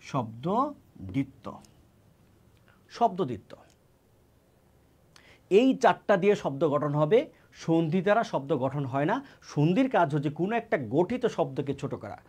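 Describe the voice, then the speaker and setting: A man's voice: a little high, a little mellow. A man giving an exam-prep grammar lesson, often repeating key words and asking and answering his own questions. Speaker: teacher.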